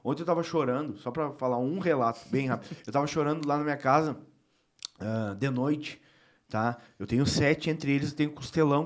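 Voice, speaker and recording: A man talking as a guest on a talk show, emphatic and heartfelt, loose and informal with the odd swear word. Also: fairly high pitch. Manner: emphatic and heartfelt, with frequent filler tags. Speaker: guest politician. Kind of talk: casual talk-show conversation.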